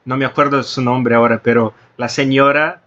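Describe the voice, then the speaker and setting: A man's voice: mid-range voice, steady tone, moderate pace, a bit bright, lo-fi sound. A man hosting a casual conversation, hesitant, searching for words with many restarts. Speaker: host.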